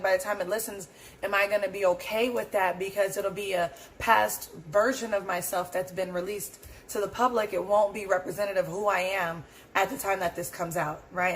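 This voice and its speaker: A woman talks through her thoughts on her own podcast in a casual solo reflection, her voice hoarse and roughened at an ordinary middle pitch. She rambles earnestly and unhurriedly, circling back to points with plenty of fillers. The recording is low quality, with faint background noise humming underneath.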